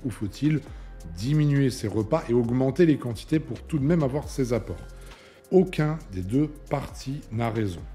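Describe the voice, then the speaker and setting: A man's voice: medium pitch, mellow. A young man, a fitness coach, talking casually to camera, chatty and emphatic, with many fillers and asides.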